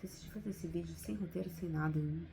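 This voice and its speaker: A woman's voice: lowish voice, fast talker, vocal fry, noisy background. A woman with a Brazilian Portuguese accent, talking to camera in an unscripted, heartfelt motivational vlog, often adding little tag questions. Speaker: vlogger.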